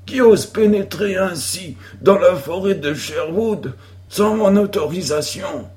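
A man's voice: high voice, slow pace, darkish tone, pitched above the performer's own voice. A man voicing a bold young boy who plays the hero of an outlaw game, in a theatrical, commanding manner.

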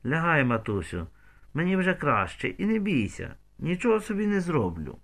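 A man's voice: on the high side, very animated, normal speed, vocal fry, fairly bright tone, voice pushed up, heavily acted. A man voicing a young, frightened village girl in love, pleading and tearful, in an audiobook.

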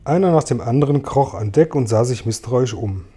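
A man reading a children's storybook aloud in a calm, measured way. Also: mid-range voice, husky. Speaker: reader.

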